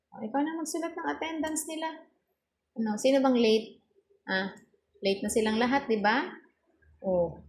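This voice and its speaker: A woman's voice: mid-range voice, darkish tone, a little hiss or hum. A woman chatting casually in a vlog, teasing and coaxing her pet in playful baby talk while addressing her viewers.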